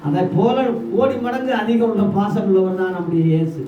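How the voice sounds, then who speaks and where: A man's voice: high-pitched, normal speed. A man preaching a sermon to a church congregation, leading call-and-response and acting out Jesus' questions. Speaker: pastor. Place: church hall. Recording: far-off echoey hall, dull sound.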